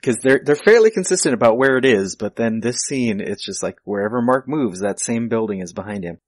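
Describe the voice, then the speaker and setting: A podcast host casually picks apart a film with his co-hosts, his medium-pitched voice animated and a little fast. There's no echo on the audio.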